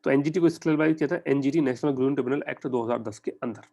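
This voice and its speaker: A young Indian man giving a conversational exam-prep lecture, often putting quick questions to his students. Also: medium pitch, vocal fry, mellow, muffled recording. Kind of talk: online lecture in mixed Hindi and English.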